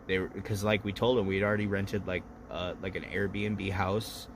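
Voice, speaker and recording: Tipsy and loose, a thirty-something livestream host rambles through profane stories in casual conversation. His low voice stays fairly flat at a moderate pace, and background noise is present.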